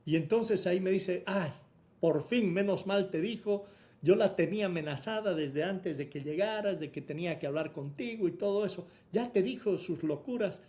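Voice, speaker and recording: High, mellow-voiced man telling his testimony. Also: moderate pace. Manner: earnest, with hesitations and restarts; acts out remembered dialogue. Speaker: guest sharing a faith testimony. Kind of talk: personal testimony storytelling.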